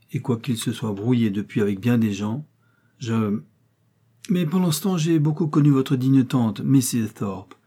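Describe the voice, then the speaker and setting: A man voicing a tearful, agitated gentleman who pleads haltingly in an audiobook. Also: medium pitch, husky, natural voice.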